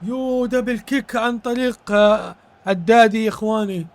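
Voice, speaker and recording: A man's voice: high voice, normal speed. A man streaming a football video game, commentating live, exclaiming in bursts, repeating words and thanking his viewers. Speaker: gaming streamer.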